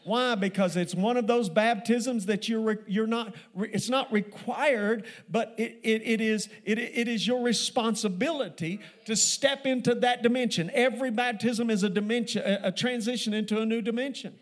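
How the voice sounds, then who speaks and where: A man preaching a sermon to a church congregation. He builds emphasis with repeated phrases and slows down to stress scripture. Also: sits high, steady tone. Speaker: pastor. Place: church sanctuary.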